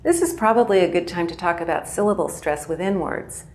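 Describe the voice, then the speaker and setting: A woman English teacher giving a clear, measured pronunciation lesson. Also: lowish voice, expressive, a little mellow.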